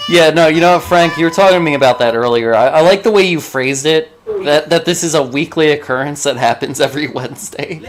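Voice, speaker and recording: A man's voice: on the high side, fast talker, few pauses. Laughing man joking on a stream. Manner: laughing, riffing on jokes. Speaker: streamer co-host. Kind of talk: casual chat. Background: game music.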